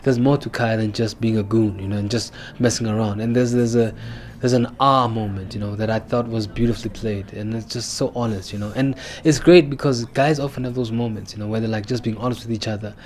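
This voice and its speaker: A man's voice: on the low side, steady tone, brisk, darkish tone. A male actor in a behind-the-scenes interview, earnest and reflective, with many "you know"s.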